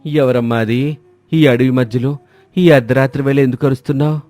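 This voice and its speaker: Storybook role: gentle old countryman, soothing and reassuring, warm dark tone, a man doing him. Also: medium pitch, steady tone, brisk, soft background music, natural voice. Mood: calm.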